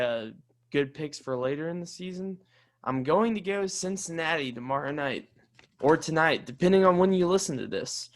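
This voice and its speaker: A man co-hosting a casual sports podcast, talking emphatically and reacting with quick disbelief. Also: a little high. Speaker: podcast co-host.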